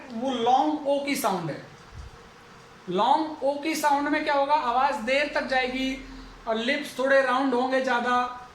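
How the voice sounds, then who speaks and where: A male teacher from India giving a phonetics lesson, slowly repeating and drawing out example words. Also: very high voice, a bit bright. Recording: very echoey room, faint noise.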